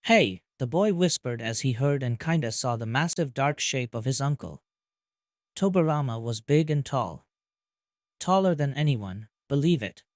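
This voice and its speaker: A man narrates a story in an even, calm manner at a medium pitch. The recording is dry and close, with no room sound. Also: normal speed, no echo. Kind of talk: scripted narration of fan fiction.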